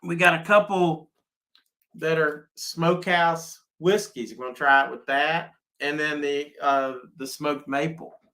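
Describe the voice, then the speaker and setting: A man's voice: fairly high pitch, unhurried, pushed and bright. A man hosting a casual livestream, reading viewer comments aloud and laughing often. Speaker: livestream host.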